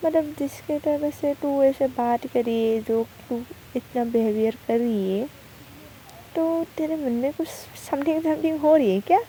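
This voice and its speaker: A woman's voice: high voice, measured pace, dark tone, slight background noise, low-quality recording. A woman voicing a nosy young college girl teasing her friend. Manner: teasing, prying.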